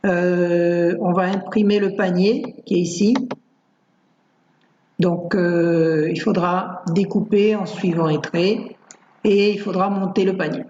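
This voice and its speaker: A woman teacher calmly walks parents through worksheets and a learning game, patient and hesitant, with many fillers. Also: on the low side, slow, a little hiss or hum. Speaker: primary school teacher. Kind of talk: explaining worksheets in a screencast. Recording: roomy, dull lo-fi home recording.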